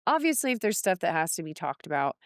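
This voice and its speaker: Woman, middle-aged, podcast co-host, casual faith chat, smooth voice, dry sound, laughs often. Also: lowish voice, quick pace, dry recording. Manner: animated, laughing, playful asides.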